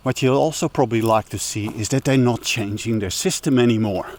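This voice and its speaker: A man's voice: mid-range voice, brisk, darkish tone. A middle-aged man talking casually on a walk, rambling with fillers and restarts, a bit out of breath from walking uphill. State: slightly out of breath. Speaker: audio YouTuber. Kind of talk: casual vlog talk while walking. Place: outdoors on a hill walk.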